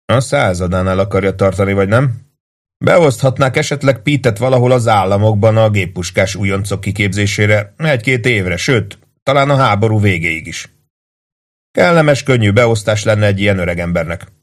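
A man voicing a calm, practical army sergeant who gives advice in a level, matter-of-fact way. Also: fairly low pitch, natural voice. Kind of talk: audiobook character voice.

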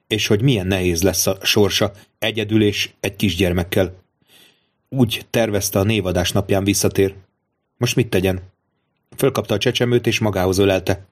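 A man narrating a novel in a measured, even storytelling voice. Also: on the low side. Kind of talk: audiobook narration.

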